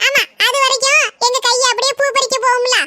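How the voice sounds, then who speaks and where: A woman's voice: extremely high pitch, little pitch movement, fairly quick, sharp tone, dry recording, clean studio sound. A woman voicing a sarcastic, nagging middle-aged village wife in a cartoon, with a southern Tamil Nadu village dialect. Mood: retorting. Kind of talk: cartoon voice acting.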